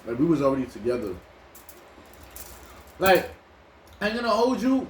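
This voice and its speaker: A New York man co-hosting a mukbang tells stories over food in loose slang, often restarting his sentences. His voice is fairly high and sing-song at a moderate pace, recorded in an echoey room with faint ambient noise.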